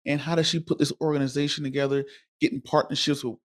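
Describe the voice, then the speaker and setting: A man's voice: a little high, little pitch movement, quick pace. A man hosting a casual live interview, talking in an informal, wordy and rambling way. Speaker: interviewer and host.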